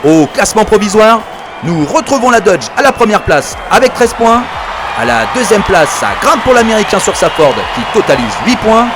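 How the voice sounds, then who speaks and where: A man hosting and commentating on races like a motorsport commentator, excited and dramatic. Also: high voice, normal speed. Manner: excited, dramatic race calling. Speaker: race host and motorsport commentator. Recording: loud music and crowd noise behind. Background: music, crowd.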